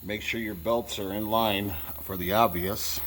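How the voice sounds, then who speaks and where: A DIY truck mechanic vlogger narrates a how-to as he works, his lowish voice unhurried and fairly even, with a lot of noise in the recording. New braces give him a lisp and a whistling s, and he sounds plain-spoken, unsure and hedging, like a first-timer.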